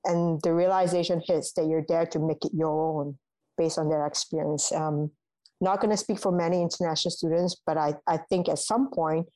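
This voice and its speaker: A young woman from Malaysia, a university alumna answering interview questions in a measured, thoughtful way, with ums and restarts. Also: low voice, dark tone, no room sound, rough recording. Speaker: guest, alumna.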